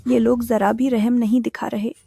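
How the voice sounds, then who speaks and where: A woman's voice: fairly high pitch, level tone, normal speed, vocal fry. A woman dubbing a greedy, selfish old grandmother who gambles, in a whiny, pleading way. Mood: wheedling. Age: older. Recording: dubbed dialogue over loud music.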